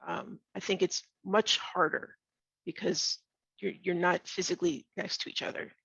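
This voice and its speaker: A middle-aged woman talks bluntly on a video call, her voice rough, gravelly and husky because she is losing it. She halts and restarts as she thinks. The sound is dry and a little muffled. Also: fairly low pitch, steady tone, fairly bright tone, no room sound. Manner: blunt, candid, halting with restarts. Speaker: webinar participant. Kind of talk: casual discussion on a video call.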